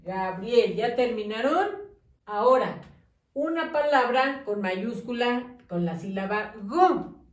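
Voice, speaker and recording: Slow, patient woman teacher in echoey room. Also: on the high side, lively intonation. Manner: patient, slow, syllable-by-syllable dictation with check-in questions. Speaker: primary school teacher. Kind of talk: slow handwriting lesson for young children. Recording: echoey room, distant mic.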